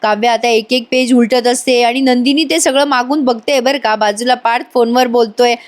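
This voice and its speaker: A woman gives a chatty voice-over recap of a TV serial episode and speaks straight to her viewers. She exclaims often. Her voice sits fairly high. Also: fairly even intonation, moderate pace. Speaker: TV serial reviewer.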